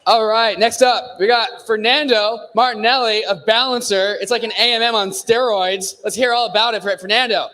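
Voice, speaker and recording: A man's voice: high-pitched, fairly even intonation, moderate pace, hardly any pauses, bright, forceful tone. A man acting as event MC, introducing the next speaker in a casual, upbeat way. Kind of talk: stage introductions. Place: conference stage.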